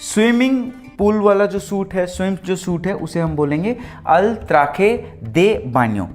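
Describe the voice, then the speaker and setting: Man slowly drilling vocabulary in class. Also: high voice, expressive, a little mellow, faint music behind. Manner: slow, drawn-out repetition of foreign words; spells words out letter by letter. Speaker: Spanish teacher. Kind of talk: beginner language lesson at a whiteboard.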